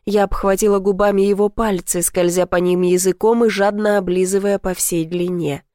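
Brief: female audiobook narrator, soft intimate first-person romance reading, dry close voice. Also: mid-range voice, steady tone, moderate pace, dry recording.

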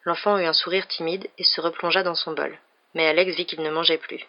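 Brief: evening story reader, woman, steady and even, gravelly texture. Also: sits low, fairly quick, lo-fi sound. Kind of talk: reading a novel aloud.

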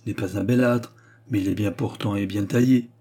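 A gentle, hesitant father, voiced by a male reader, speaks softly and with embarrassment to his daughter. His voice is warm, husky and mellow in this audiobook scene. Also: fairly low pitch, steady tone, moderate pace. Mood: timid. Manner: mild, embarrassed, timid. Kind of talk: audiobook character reading.

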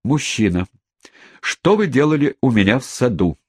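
A man's voice: medium pitch, sing-song, normal speed, husky, no room sound, clean studio sound, pitched above the performer's own voice. A man voicing a shaken headmistress who speaks weakly, in an audiobook reading. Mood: faint. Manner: weak-voiced. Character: faint, shaken headmistress of a girls' school. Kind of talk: audiobook character voice.

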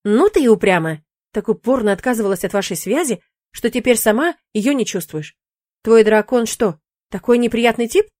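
A woman's voice: on the high side, animated, a little fast, no room sound, lightly acted. A woman voicing a playful, teasing young male demon in an audiobook, in a cheeky, bantering manner.

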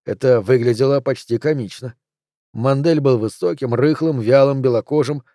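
A man reading a novel aloud in measured, even narration. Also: medium pitch, no echo, studio quality. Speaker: audiobook reader. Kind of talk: scripted narration.

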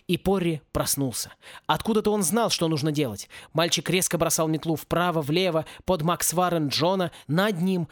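A man reading a satirical fantasy audiobook in an expressive, lightly ironic narration. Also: high-pitched, no room sound, studio quality. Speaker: audiobook reader.

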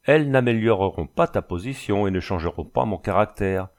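A man's voice: on the low side, lively intonation, brisk. A man reading a storybook voices a tall, cold bandit chief with a Flemish accent, speaking in a smiling, sing-song, commanding way. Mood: coolly threatening.

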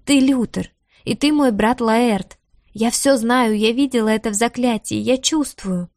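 A woman voicing a sharp-tongued young woman necromancer, mocking and provocative. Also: on the high side, unhurried, no room sound, clean studio sound. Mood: pleading.

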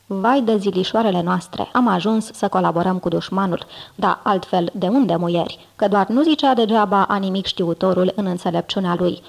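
A woman voicing an old male zmeu monster, a gruff fond uncle who talks in a folksy, drawling, scolding way, in an audiobook reading. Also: medium pitch. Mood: grumbling.

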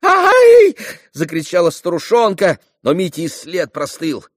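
A man narrating a classic novel as an audiobook, reading in an expressive, dramatic way. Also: fairly low pitch, normal speed, no room sound, clean studio sound. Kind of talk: scripted narration.

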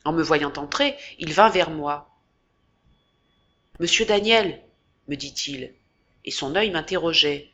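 A woman's voice: low-pitched, a little slow, a bit bright. A woman narrating a classic novel as an audiobook, with dramatic, varied emphasis, in a dull lo-fi recording. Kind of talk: expressive literary reading.

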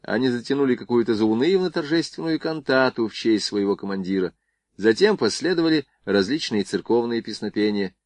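A man narrating a novel as an audiobook, in a measured literary reading. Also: fairly low pitch, no room sound. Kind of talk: scripted narration.

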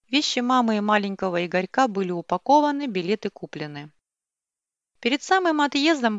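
A woman narrates a story in a measured, even reading voice. The recording is dull and lo-fi. There is no room echo at all. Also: medium pitch.

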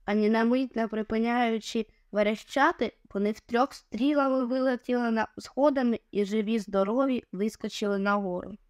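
A woman narrating an adventure audiobook in a measured, expressive way. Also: a little high, smooth, no room sound, clean studio sound.

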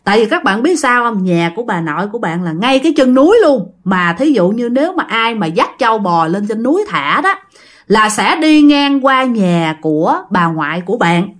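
A woman tells a ghost story as if chatting with friends, turning to her listeners often. Her voice sits a little high and swings up and down with lively pitch. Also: moderate pace. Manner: chatty, addresses listeners directly. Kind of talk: casual ghost story telling.

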